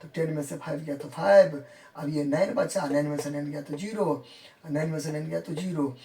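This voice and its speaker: Speaking fairly quickly in a mid-range voice, a maths teacher explains a lesson step by step over a noisy background, far off in an echoey room. He talks in Hindi but gives numbers in English, repeating points and checking that students follow.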